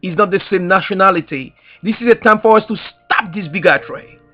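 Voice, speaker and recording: Speaking brisk, high and with a pushed, bright tone, a Haitian-accented activist delivers an impassioned, preacher-like address that is emphatic, repetitive and full of rhetorical questions. Faint music plays behind the dull, lo-fi sound.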